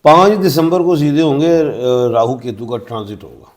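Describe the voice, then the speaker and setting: A man's voice: mid-range voice, steady tone. Pakistani guy, astrologer, lists off predictions with emphasis. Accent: Pakistani Urdu. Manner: emphatic, declaring, list-like. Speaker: astrologer guest. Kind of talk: interview answers, predictions.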